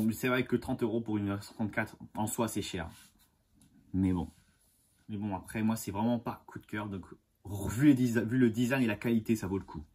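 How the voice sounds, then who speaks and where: A man hosting a casual unboxing vlog as a model car collector, enthusiastic and halting, with many fillers and restarts. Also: lowish voice, darkish tone, a little hiss or hum. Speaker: die-cast model car collector and channel host.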